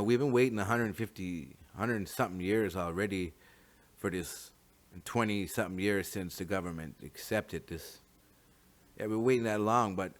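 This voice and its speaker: A man with a deep-pitched voice and a First Nations Canadian accent speaks off the cuff as a host sharing his views. He is informal and halting, often doubling back on words as he thinks aloud. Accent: First Nations Canadian English. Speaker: talk show host. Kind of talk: unscripted opinion monologue.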